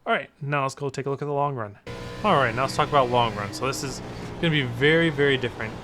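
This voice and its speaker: Calm man coaching over sim racing. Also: mid-range voice, quick pace, over music. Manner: calm, methodical, repeats key words. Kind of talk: instructional commentary over gameplay.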